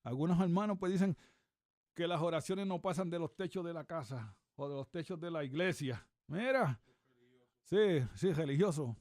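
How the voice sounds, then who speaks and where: Animated preaching man, high dry voice. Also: moderate pace, dry recording. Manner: animated, repeats questions, looks up verses aloud. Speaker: reverend and radio preacher. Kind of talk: conversational radio sermon.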